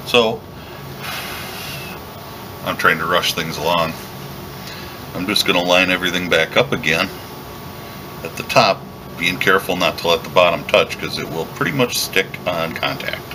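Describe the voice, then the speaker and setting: A man giving a relaxed, step-by-step leatherworking tutorial while he works at a workshop bench, recorded by a camera above the bench. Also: deep voice, moderate pace, long pauses, noisy background. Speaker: leatherworking instructor. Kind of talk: hands-on craft tutorial.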